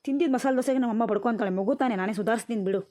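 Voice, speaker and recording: A woman's voice: on the high side, rapid-fire, warm tone, natural voice. A woman voicing a sulky, careless young new mother in a cartoon, whiny and defensive.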